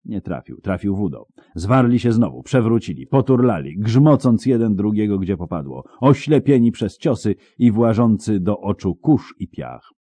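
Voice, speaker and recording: A man's voice: on the low side, lively intonation, normal speed, hardly any pauses, mellow, husky, no room sound. A man narrating an audiobook in a dramatic, vivid storytelling manner, close to the mic.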